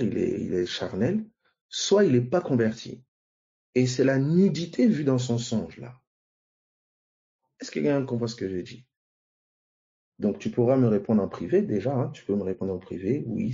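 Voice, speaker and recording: A man preaching a sermon, teaching slowly and often asking his listeners if they see what he means. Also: medium pitch, mellow, slightly rough. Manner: slow, repeats and asks the listeners "vous voyez?" often. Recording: dull lo-fi recording.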